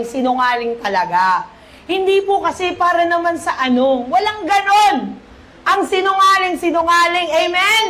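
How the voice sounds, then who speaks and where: A woman pastor with a Filipino accent preaching a lively sermon, asking the congregation "Amen?" and quoting scripture in English. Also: sits high, slight background noise. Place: church.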